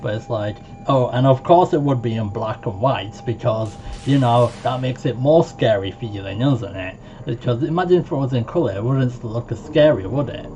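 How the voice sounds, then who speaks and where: A man rambles through his own stories in a loose storytime vlog, leaning on fillers and leaping high when he quotes people. His voice is mellow and rather dark. The recording is dull and lo-fi with a faint hiss behind it. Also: normal speed, hardly any pauses. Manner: rambling, heavy on fillers like "like" and "it's where"; jumps to a much higher pitch when quoting people. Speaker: storytime vlogger. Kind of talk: casual storytelling monologue.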